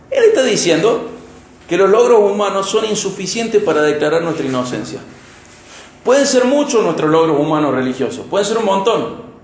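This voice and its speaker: A man with an Argentine Spanish accent preaching an expository sermon as pastor, emphatic, swinging between loud peaks and soft, quiet drops. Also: sits high, slight background noise. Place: church hall. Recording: echoey church hall.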